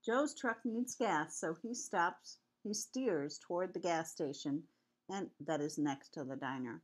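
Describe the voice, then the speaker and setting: A woman's voice: low-pitched, measured pace. An older woman, a sweet grandmother with a cold, reading a children's picture book aloud in a homely, chatty way. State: has a cold with cough.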